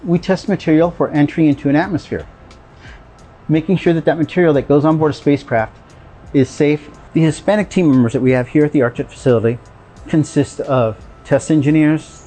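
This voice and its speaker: A man's voice: on the high side, a little fast, mellow, slight background noise. A man from a test facility, speaking steadily and proudly in a scripted video message.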